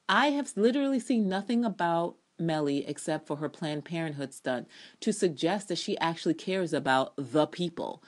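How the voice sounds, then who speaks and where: Her voice is low-pitched and very expressive as she reads her own review like a dramatic piece. She's opinionated and sardonic, moving from scripted lines into casual, salty asides delivered with theatrical emphasis.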